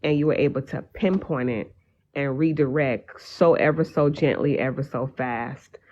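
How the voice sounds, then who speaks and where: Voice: mid-range voice, normal speed, a little mellow, slight background noise. A guest on a live stream talking earnestly and at length. The sentences wander and fill up with "you know" and "um". The audio sounds dull and lo-fi. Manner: earnest, meandering, frequent fillers. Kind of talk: casual conversation.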